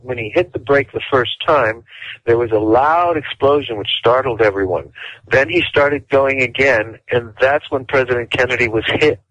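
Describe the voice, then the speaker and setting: A male interview guest explaining in detail and at a deliberate pace, with frequent fillers. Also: mid-range voice, fairly bright tone, no room sound. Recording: dull dry lo-fi audio.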